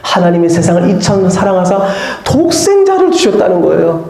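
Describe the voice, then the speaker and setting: A male pastor delivers a sermon in a fairly high voice, telling a story and putting questions to his congregation. The sound is heavily echoey, as in a large church sanctuary. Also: very animated, brisk, creaky, mellow.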